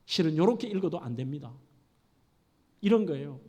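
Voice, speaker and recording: A man's voice: on the high side, expressive, a little fast, warm tone, slightly rough. A middle-aged male pastor preaching a sermon with dramatic storytelling, acting out scenes. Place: church sanctuary. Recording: echoey church hall.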